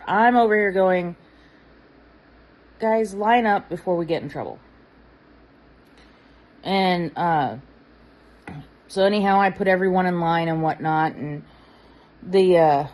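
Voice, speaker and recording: A woman's voice: on the low side, darkish tone, low-quality recording. A woman guest telling a personal anecdote in a chatty way, full of fillers and asides. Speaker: guest recalling her past. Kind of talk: casual anecdote.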